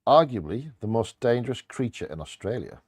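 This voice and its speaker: A man reading short fact entries as a co-host, deadpan, with understated casual asides. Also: mid-range voice, a little fast, husky, no room sound, clean studio sound. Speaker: co-host reading animal facts.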